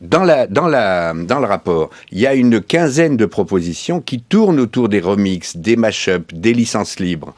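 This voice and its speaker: A man's voice: on the low side, very animated, moderate pace, hardly any pauses, no echo. A man from France, a studio guest, giving long, explanatory answers in a radio interview and building his points with everyday comparisons.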